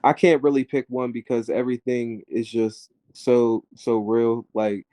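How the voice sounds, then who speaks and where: A man, a rapper being interviewed, telling his story in animated casual talk, full of filler words. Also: medium pitch, measured pace, no room sound.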